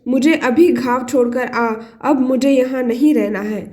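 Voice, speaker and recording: A woman voicing an angry, stubborn elderly mother-in-law who scolds in sharp retorts. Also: high-pitched, measured pace.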